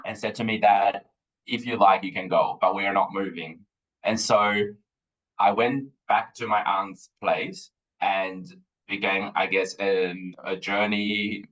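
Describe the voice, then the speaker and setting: A man's voice: on the low side, fairly bright tone, muffled recording. A man in his thirties from Taiwan, a guest educator talking thoughtfully in a podcast interview. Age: 30s. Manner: thoughtful, measured, with frequent ums.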